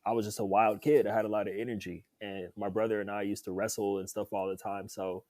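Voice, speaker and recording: A young ex-football player on a podcast narrates his story quickly, his fairly low, darkish voice keeping a level tone. It's relaxed interview storytelling, upbeat and chatty with frequent laughter, recorded without echo.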